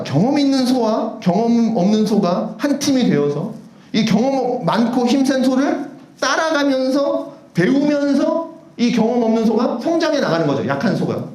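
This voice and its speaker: A man's voice: very high voice, big pitch swings, normal speed, darkish tone, echoey room. A man preaching a sermon as pastor, talking animatedly and asking the congregation rhetorical questions. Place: church sanctuary.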